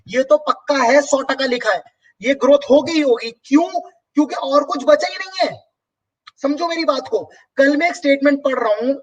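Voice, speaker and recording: A man's voice: very high-pitched, recorded from a distance, rough recording. A man hosting a motivational business talk and answering viewer comments, speaking emphatically with rhetorical questions.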